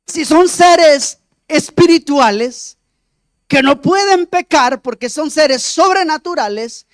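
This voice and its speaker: A man's voice: extremely high pitch, expressive, slow pace, dry recording. A man preaching a sermon, emphatic, often turning to address the congregation and repeating words for effect. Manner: rhetorical repetition of words. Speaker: lay preacher.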